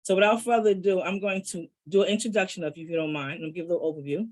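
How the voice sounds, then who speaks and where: A woman's voice: fairly low pitch, steady tone, rapid-fire, rough recording. A woman hosting an online meeting reads a prepared introduction of the guest speaker, with a few "um" fillers at the start. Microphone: video call.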